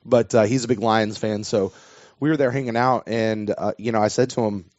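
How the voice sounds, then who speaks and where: A man's voice: on the low side, steady tone, brisk, darkish tone, no room sound. A man, hosting a casual sports podcast. His voice is a bit worn, and he rambles and restarts his sentences. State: losing his voice. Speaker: podcast host. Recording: dull dry podcast audio.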